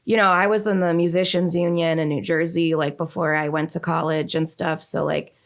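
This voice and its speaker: A young woman from the Northeastern United States, chatting as a podcast guest, candid and lively with lots of fillers. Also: low-pitched, fairly quick. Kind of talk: casual conversation.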